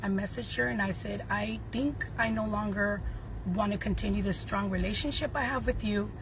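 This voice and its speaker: A woman's voice: mid-range voice, normal speed, noisy background. A woman speaking in a live stream apology, earnest and hesitant, with many ums.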